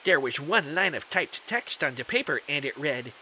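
Playing a bewildered computer technician, a man narrates his own mystery audio drama with earnest, melodramatic emphasis. His voice sits a little high and is expressive yet natural, moving at a moderate pace, and the mood is dramatic and intrigued. The audio is dull and hissy.

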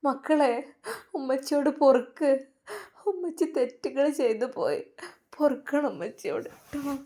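A tearful young mother with a Malappuram lilt, acted by a woman, begging her children's forgiveness between sobs. She talks softly and keeps her voice up on the high side. The piece is a storybook-style spoken tale. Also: expressive, moderate pace. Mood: tearful pleading. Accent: Malappuram Malayalam. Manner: soft, pleading, tearful. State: crying.

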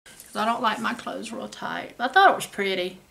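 A woman in her 50s chats casually to a camera in her home kitchen about her shopping haul as a vlogger. Her mid-range voice is gravelly, bright, and forceful at a moderate pace, and she talks in a chatty, folksy way, saying "y'all."

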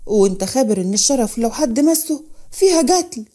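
A woman's voice: fairly high pitch, animated, a little fast, warm tone. A woman with an Egyptian accent voicing a fearful village mother who pleads for her son. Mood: pleading. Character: frightened middle-aged village mother.

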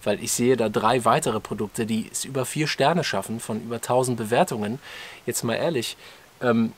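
A man in his thirties co-hosting a casual discussion, talking in a measured way with pauses and fillers, recorded outdoors in a garden. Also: medium pitch. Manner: measured, pausing with fillers, asks questions. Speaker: channel co-host. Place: outdoors in a leafy garden, evening.

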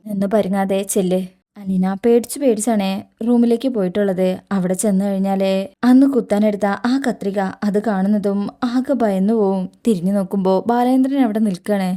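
A woman recaps a serial episode in steady, matter-of-fact narration. Her voice is mellow and dark, at an ordinary pitch.

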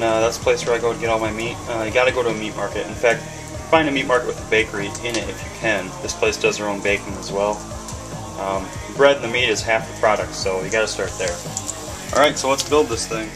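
Captured on a webcam mic in low quality, a thirtysomething man with a lowish voice chats while cooking at home. He rambles, says "um" a lot, and swears freely.

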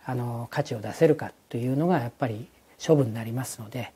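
A man speaks as a company executive answering an interview question. His mid-pitched voice is husky and mellow. He talks in a hesitant way, filling pauses with drawn-out filler sounds.

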